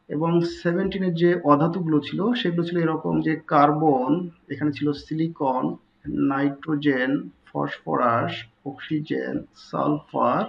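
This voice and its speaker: A man's voice: on the high side, creaky, muffled recording. A man teaching a recorded chemistry tutorial, explaining step by step and repeating key terms. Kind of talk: recorded online tutorial lecture.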